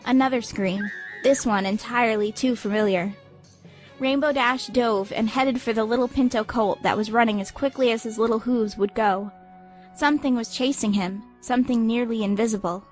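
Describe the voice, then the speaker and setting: A woman narrator reads a scripted story in a dramatic audiobook style. Her voice is slightly high, and soft music plays behind it.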